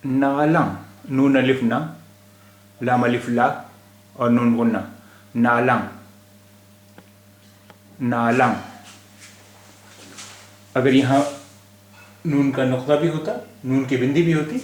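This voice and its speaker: A man's voice: mid-range voice, steady tone, slow pace, long pauses, reverberant. A man teaching a spelling lesson, patiently spelling out letters and repeating each word. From India. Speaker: language teacher.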